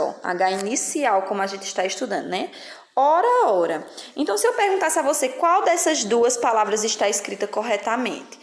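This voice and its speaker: A woman with a Brazilian Portuguese accent teaches a children's lesson, explaining slowly and patiently and checking in constantly. Her voice sits fairly high. The sound is echoey, as if she recorded it in a bare room.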